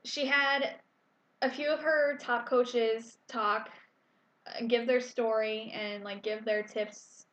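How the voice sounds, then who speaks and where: A woman's voice: fairly high pitch, fairly bright tone. Candid young woman, echoey lo-fi room. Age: 20s. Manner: candid, emotional, many fillers and restarts. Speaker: vlogger. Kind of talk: personal story vlog. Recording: echoey room, dull lo-fi sound.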